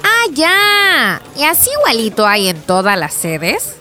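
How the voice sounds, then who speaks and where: Juana, a cheeky naive student. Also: female voice, on the high side, huge pitch swings, sharp tone, heavily acted. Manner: playful, teasing, drawn-out questions. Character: naive, lazy young female student, cheeky. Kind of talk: radio comedy drama. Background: music playing.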